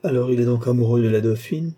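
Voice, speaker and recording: A man's voice: mid-range voice, fast, dark tone, natural voice. A man voicing a worried young sister who keeps asking questions, in an audiobook reading. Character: anxious young sister, woman, curious and quick to alarm.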